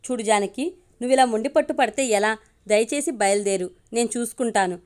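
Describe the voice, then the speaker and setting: A woman's voice: fairly high pitch, a little fast, a little mellow, lightly acted. A woman voicing a caring young woman friend who coaxes insistently, in an audio story. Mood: coaxing. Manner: coaxing, insistent.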